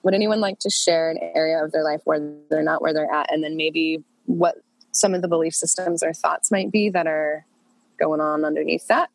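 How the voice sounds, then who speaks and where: A woman with a deep, gravelly voice speaks at a moderate pace with fairly even intonation, and the audio is poor. She's coaching an online group in casual talk, chatty and loose, full of fillers and restarts, and she sounds congested from a cold.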